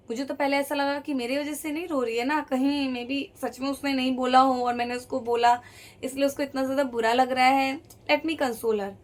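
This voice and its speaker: A young woman telling a personal story in a casual vlog, lively and acting out each quoted voice. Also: high voice. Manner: lively, acts out every quoted voice.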